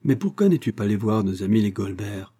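A man's voice: fairly low pitch, sing-song, fairly quick, mellow, husky. A man voicing a composed, kindly inventor in an audiobook. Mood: calm. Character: calm, amused middle-aged male inventor.

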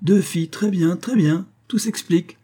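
A man voicing a lively, teasing, deaf old mother who speaks in raised, merry questions. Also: medium pitch, normal speed, husky, voice pushed up. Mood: delighted.

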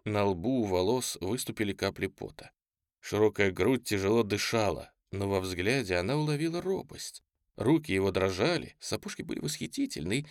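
A man narrating a novel as an audiobook in a measured, expressive reading. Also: fairly low pitch, no echo, clean studio sound. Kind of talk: scripted literary narration.

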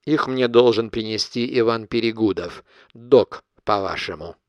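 A man's voice: lowish voice, measured pace, darkish tone, clean tone, no echo, muffled recording, natural voice. A man reading an audiobook voices a cold, calculating middle-aged blackmailer who dictates his terms in a cool, clipped manner.

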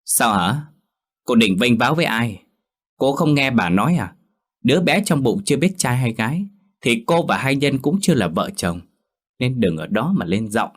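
Một người đàn ông lồng giọng cô hầu gái trẻ ghen tuông, nói giọng mỉa mai, thách thức. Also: male voice, medium pitch, animated, normal speed, slightly rough, pitched above the performer's own voice. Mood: mocking. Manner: mocking, defiant. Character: jealous scheming young maidservant.

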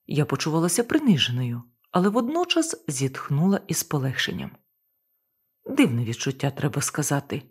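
A woman narrating a first-person novel as an expressive audiobook reading. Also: low voice, normal speed, slightly rough.

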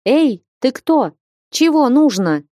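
A woman voicing a bold, strapping young northern warrior woman who speaks loudly and bluntly in an audiobook. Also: high voice, big pitch swings, slow, no echo, studio quality, voice pushed up, heavily acted. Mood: brash. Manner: loud, hearty and blunt.

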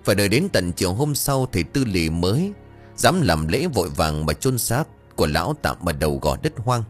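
Husky male ghost-story narrator. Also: deep voice, sing-song, moderate pace, soft background music. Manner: dramatic, ominous storytelling.

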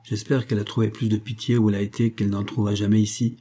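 A man's voice: fairly low pitch, flat delivery, quick pace, mellow, slightly rough. A man reading a storybook aloud, voicing a cunning, spiteful old grandmother who coaxes and wheedles. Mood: wheedling. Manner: wheedling, calls everyone dear.

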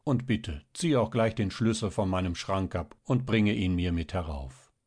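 A man voicing a genial, knowing middle-aged official and father in a read-aloud story, measured and wry. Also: sits low, animated, a little mellow, slightly rough.

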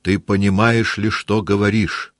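A man doing a tense, proud young cadet, speaking low and shaky with held-back strain. His voice stays deep and the sound is dry and close. He holds his words tight. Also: level tone, unhurried, no echo, lightly acted. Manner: quiet, strained, trembling speech.

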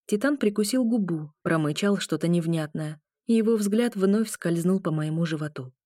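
A woman reading a novel aloud as a first-person narrator, in a measured storytelling manner. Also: on the low side, lively intonation, mellow, no echo, studio quality. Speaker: audiobook narrator.

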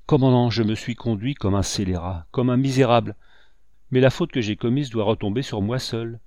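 A man's voice: mid-range voice, moderate pace, warm tone, no room sound, studio quality, close to an everyday voice. A man voicing a devoted, remorseful male captain, speaking humbly and pleadingly. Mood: pleading, contrite.

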